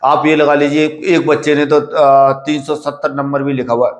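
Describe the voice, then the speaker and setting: This man coaches candidates for police and army recruitment at a physical training academy, giving informal, paternal instruction. He speaks at a fairly high pitch with little pitch movement, often repeating himself, halting on filler phrases, and tossing in check-questions. The room echoes.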